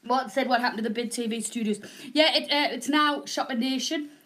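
A woman's voice: fairly high pitch, a little fast, a bit bright. A middle-aged woman with a Northern English accent and a cold, hosting live home shopping in rambling, jokey, chatty patter. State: snotty with a cold, coughing. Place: small indoor room. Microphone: camera mic at a short distance, no proper mic.

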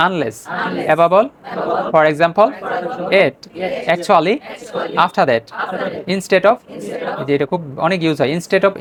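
A man who speaks Bengali as his first language, teaching English pronunciation. He reads out phrases and has his students repeat them, checking in with short prompts. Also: a little high. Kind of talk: classroom pronunciation drill.

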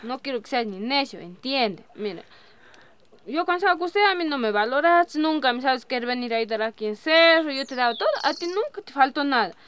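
A woman's voice: sits high, lively intonation, a little fast, fairly bright tone, clean tone. A woman playing a proud young rural wife who stands up to her in-laws, blunt and firm. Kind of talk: amateur drama skit.

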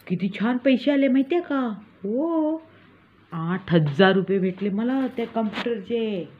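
A woman's voice: a little high, lively intonation, measured pace. A woman playing a smug, scheming village mother who brags and mocks in a comic sketch. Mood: boastful. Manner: smug, mocking, gleeful bragging. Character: boastful scheming village mother, con artist. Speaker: comic character monologue. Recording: tinny phone-like recording.

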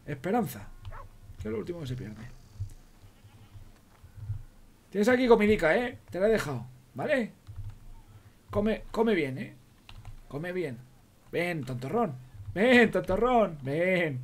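A man's voice: sits high, big pitch swings, unhurried, long pauses. A man with a Spain Spanish accent doing in-character game role-play commentary, joking, swearing, talking to himself and cooing at animals. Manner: jokey, swears a lot, talks to himself and coos at animals. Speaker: roleplay streamer.

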